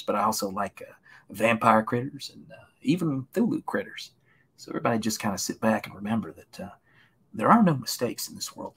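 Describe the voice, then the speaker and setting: A man from Tennessee talks his way through a painting on a live stream in a slightly husky, mid-pitched voice. His patter is gentle and reassuring, and he often drops to a near whisper while he works the brush. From Tennessee, USA. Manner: soft, gentle encouraging patter, often sliding into a hushed whisper.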